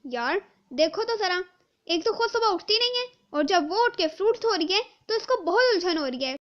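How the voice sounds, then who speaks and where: A woman putting on a weary gentle father. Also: very high voice, sing-song, moderate pace, muffled recording. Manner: weary, placating. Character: tired gentle father, soft-spoken man.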